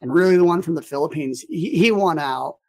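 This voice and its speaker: A man's voice: a little high, brisk, a little mellow. Chatty male podcast host. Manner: chatty, lots of fillers and restarts. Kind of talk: casual interview.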